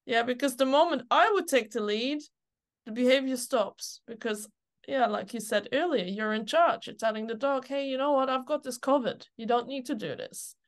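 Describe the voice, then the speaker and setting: A woman dog trainer co-hosting a podcast in casual chat, emphatic and quick to agree, often quoting dogs and owners aloud. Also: a little high.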